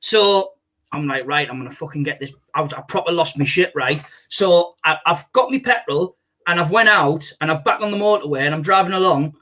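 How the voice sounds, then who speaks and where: A young man with a high, bright voice, chatting casually as co-host. He tells sweary stories with lots of energy and laughs at himself. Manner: animated storyteller, quick to laugh at himself. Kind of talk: casual banter, swearing anecdotes.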